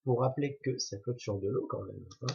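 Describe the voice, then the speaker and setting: Husky man chatting through a toy build. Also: medium pitch, brisk, a little mellow. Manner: chatty, jokey, self-correcting. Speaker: toy reviewer. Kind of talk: casual building commentary. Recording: dull lo-fi recording.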